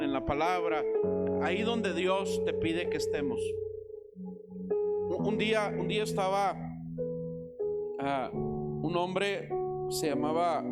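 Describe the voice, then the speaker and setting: A man with a Mexican accent preaching a sermon as pastor, telling a story with lively, acted-out quotes. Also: high voice. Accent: Mexican Spanish. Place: church. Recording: loud guitar music behind.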